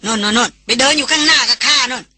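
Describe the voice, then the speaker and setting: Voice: high voice, racing, bright, forceful tone, no room sound, pitched above the performer's own voice, exaggerated voice. A reader voicing an irritable, skeptical young man who scoffs impatiently. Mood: scoffing.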